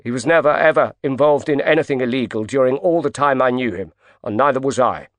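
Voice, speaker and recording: A man's voice: mid-range voice, lively intonation, brisk, no echo, close to an everyday voice. A man voicing an older, grieving financier who is indignant.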